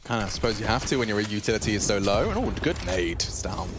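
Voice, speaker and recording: A man's voice: fairly low pitch, very animated, fast talker, music in the background. A man giving live esports commentary as a play-by-play caster, in clipped running phrases.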